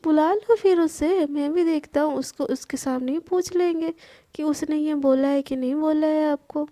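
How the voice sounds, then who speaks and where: A woman's voice: high-pitched, moderate pace, warm tone, natural voice. A woman voicing a smug, scheming young male boss.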